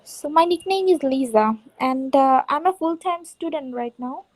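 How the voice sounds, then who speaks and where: A woman's voice: high-pitched, normal speed, a little mellow, poor audio. A woman in her twenties from Bangladesh, introducing herself as a graduate student in a friendly way.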